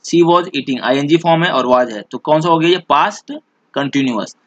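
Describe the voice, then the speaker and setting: A male teacher with a fairly high voice explains English exam questions in Hindi, slowly reading out the example sentences and often checking with "theek hai". There is no room sound.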